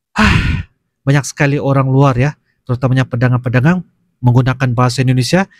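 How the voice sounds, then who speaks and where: A man's voice: medium pitch, dry recording, clean studio sound. A man hosting a reaction video, explaining casually and often addressing his viewers.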